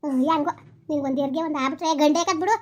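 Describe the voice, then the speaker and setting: Brief: a woman playing gossiping village women, quick and chatty, high voice. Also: natural voice. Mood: gossipy. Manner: chatty, exclaiming, repetitive village talk. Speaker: actor in a village skit. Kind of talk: rural comedy skit acting.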